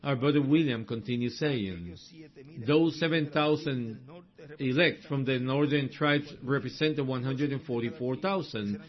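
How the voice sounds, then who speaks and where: A man delivers a sermon, reading and explaining passages from a book of quotations. He speaks deliberately, circling back to the same phrases for emphasis and tossing in short asides. The recording sounds somewhat dull and lo-fi. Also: mid-range voice. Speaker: preacher.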